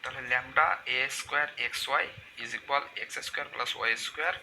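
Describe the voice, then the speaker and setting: A man's voice: medium pitch, fast, pushed and bright. A man giving a step-by-step math lecture, asking questions and answering them himself. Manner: walks through algebra aloud, asks and answers own questions. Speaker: math tutor. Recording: noisy room sound.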